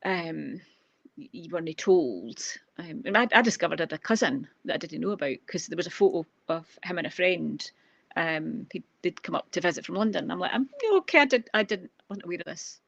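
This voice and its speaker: A woman's voice: deep voice, brisk, creaky, breathy edge, dry recording, lo-fi sound. Scottish woman telling stories on a video call. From Scotland. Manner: warm storytelling with frequent ums and restarts. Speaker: guest photographer. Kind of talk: casual conversational interview.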